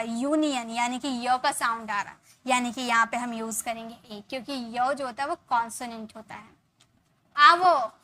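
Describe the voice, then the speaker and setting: A woman teacher giving a spoken grammar lesson, explaining patiently, repeating examples and quizzing her viewers, drawing out English sentences slowly word by word. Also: sits high, pushed and bright.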